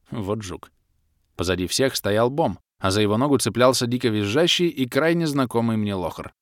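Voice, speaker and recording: Guy reading an audiobook, really animated voice, dead dry close mic. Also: fairly low pitch, no echo. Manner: lively first-person storytelling. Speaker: narrator. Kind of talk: audiobook narration.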